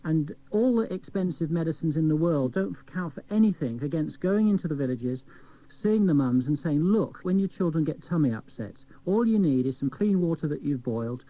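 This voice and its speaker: A doctor appears as a studio guest, a man with a fairly high, expressive voice at a moderate pace, explaining things articulately and sharing anecdotes in an interview. The sound is tinny and band-limited, like an old cassette radio recording.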